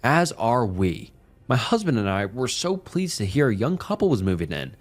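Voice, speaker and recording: A man's voice: mid-range voice, sing-song, normal speed, pitched above the performer's own voice. A man voicing an overly sweet young neighbor woman. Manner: bright, overly sweet and sing-song. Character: cheerful young pregnant suburban woman neighbor.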